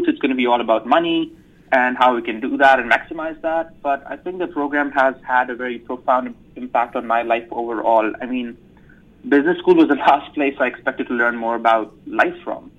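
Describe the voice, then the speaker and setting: A young man from Pakistan talks about his studies with eager energy, slipping into little laughs. His voice sits mid-pitch and comes through thin and tinny, like a phone line. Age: young adult. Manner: eager, laughs often, quoting others in asides. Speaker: university student guest. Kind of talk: conversational interview.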